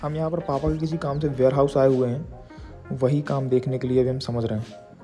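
A man's voice: mid-range voice, little pitch movement, brisk, loud music behind the voice. A young man chatting casually into a phone held at arm's length, rambling straight to his viewers in a daily vlog. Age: young adult. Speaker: vlogger. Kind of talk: casual vlog chat to camera. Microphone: phone camera held at arm's length.

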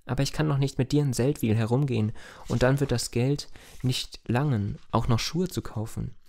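A man voicing a tender, lively young village girl in a raised, eager pleading tone. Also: medium pitch, normal speed, gravelly, lightly acted. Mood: fretful.

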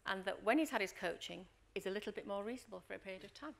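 Woman trainer at a workshop, mid-pitch, bit gravelly, animated storytelling. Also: very fast. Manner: lively storyteller, acts out scenes, checks in with "Okay?". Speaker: leadership coach and workshop trainer. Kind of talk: workshop talk with acted-out anecdotes.

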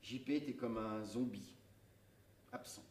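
A man giving a public reading of a story on a theatre stage, in a measured, dramatic storytelling manner. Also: medium pitch, a little mellow, a little hiss or hum. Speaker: reader. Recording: echoey theatre from far off.

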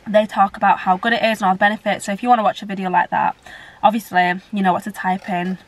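A woman's voice: medium pitch, level tone, quick pace, low-quality recording. A young woman from Britain chatting casually to camera at home, rambling and filling her talk with "like" and "blah, blah, blah". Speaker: vlogger. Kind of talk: casual vlog chat to camera. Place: at home indoors.

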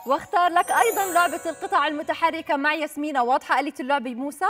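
High-pitched, fast-talking Jordanian woman game show host. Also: a bit bright. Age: young adult. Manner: upbeat congratulatory announcing. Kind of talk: live phone-in game show presenting. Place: TV studio. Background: background music.

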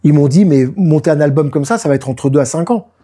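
Man in his 50s telling stories in an interview, kinda husky, acts out quotes. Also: on the high side, fast. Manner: lively storytelling, often acts out what people said. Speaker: musician and producer, guest. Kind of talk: casual interview talk.

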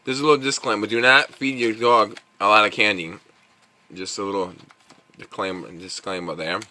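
Bright-voiced man casually rambling while tasting candy. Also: lowish voice, fairly even intonation, moderate pace. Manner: rambling, filler-heavy, talks while chewing. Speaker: vlogger reviewing snacks. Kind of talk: casual chat. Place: at home with his dog.

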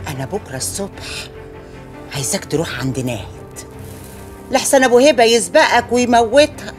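A woman's voice: fairly high pitch, lively intonation, brisk, soft background music, lightly acted. An Egyptian actress playing a scheming middle-aged mother, coaxing and conspiring in an Egyptian accent as she urges her son on.

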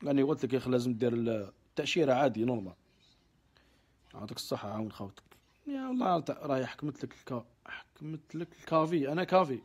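A man's voice: mid-range voice, expressive, fast, a little mellow, breathy edge. A man with an Algerian Arabic accent hosting a casual live question-and-answer stream. He mixes in French words, answers offhandedly and gets heated when he vents.

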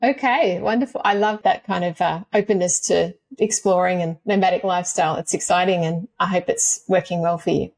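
A woman's voice: fairly low pitch, fairly quick, few pauses, darkish tone. A woman in her forties hosting a podcast interview, earnest and thankful toward her guest, speaking on a video call. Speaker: podcast host. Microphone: headset and desk mic on video call.

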